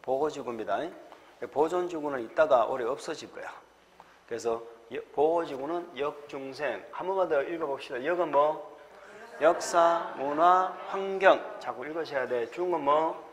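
A man's voice: fairly high pitch, normal speed, long reverb tail. A man with a Gyeongsang accent giving an exam-prep lecture, drilling mnemonics and chuckling often.

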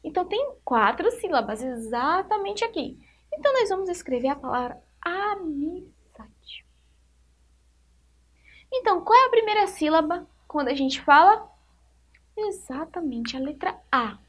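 A woman teaching a literacy lesson to young children, asking questions and answering them herself, stretching words out slowly syllable by syllable. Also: very high-pitched, very animated, a bit bright.

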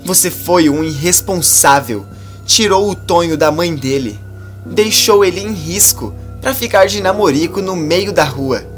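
A man's voice: high-pitched, lively intonation, a little slow, faint music behind, voice pushed up. A furious woman police chief, harsh and accusing, as a male narrator plays her. Her voice sits raised and pressed, with a hard edge.

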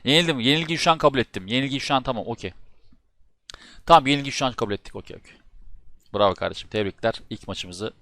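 A man doing live commentary over his own football video game match, often exasperated and shouting at his players and his keyboard. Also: medium pitch, quick pace. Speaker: gaming YouTuber.

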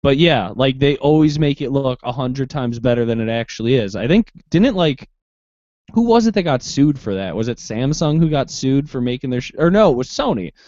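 A man's voice: mid-range voice, expressive, moderate pace, a little mellow, dry recording. A man hosts a casual podcast, joking loosely and swearing. His voice is in a middle range and recorded close and dry. The audio is dull and lo-fi. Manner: loose, profane, jokey. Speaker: host.

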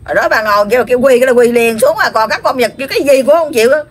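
This spirit medium, a woman speaking with a Southern Vietnamese accent, channels a grandmother spirit while in trance. Her fairly high-pitched speech is scolding, rambling and repetitive, packed with drawn-out fillers.

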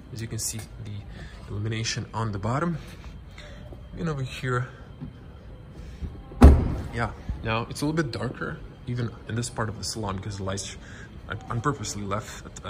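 Holding the camera near his face, a young adult whose first language is Croatian reviews a car in a showroom, partly from inside it. He speaks at a fairly low pitch, haltingly, with many fillers and non-native phrasing, and there's background noise.

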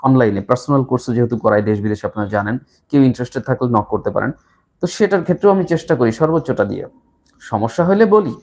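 A man leads a live online English class in a middle-pitched voice. He talks briskly between drills, then slows right down to repeat short phrases again and again. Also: a little mellow. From Bangladesh. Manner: slow, repetitive drilling of phrases with pauses. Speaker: English tutor.

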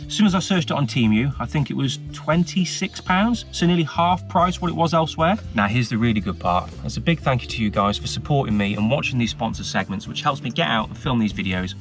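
A cheerful English man in his thirties, a van life vlogger, chats cheekily and upbeat to an action camera mounted inside his parked camper van, with music playing underneath. His voice sits in the mid range with a fairly bright tone.

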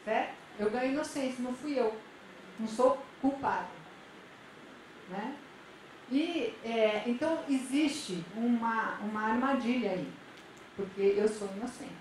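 Recorded from afar in an echoey convention center auditorium, a woman lectures at a public-sector conference with a somewhat high, slightly mellow voice and faint background noise. Her talk is interactive and chatty, often pausing to engage listeners.

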